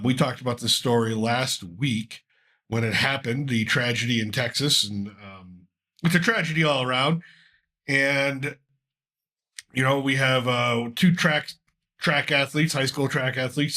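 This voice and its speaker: A podcast host with a cold hosts a casual talk show, commenting on the news in a loose, rambling way full of "uh" fillers. His mid-range voice is bright and forceful, and he speaks at a measured pace.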